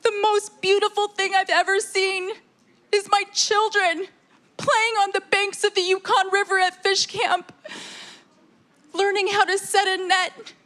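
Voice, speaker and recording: A woman's voice: very high-pitched, level tone, a little slow, pushed and bright. A woman speaking from the heart at a shareholder meeting, emotional and near tears, pleading with her listeners. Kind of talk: emotional public comment speech. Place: hotel meeting hall.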